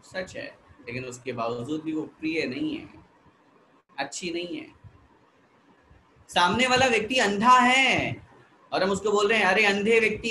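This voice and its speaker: A man's voice: on the high side, bright, forceful tone, roomy sound, a little hiss or hum, low-quality recording. A man giving a spiritual discourse to an audience, explaining by repeating phrases and asking rhetorical questions. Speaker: Jain religious teacher.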